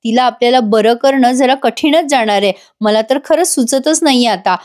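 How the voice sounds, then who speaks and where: A woman's voice: a little high, normal speed. A woman giving a chatty spoken recap of a serial episode, voicing each character herself with a Marathi accent. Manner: lively, shifts into the characters' lines with mild emotion; chatty asides straight to the viewers.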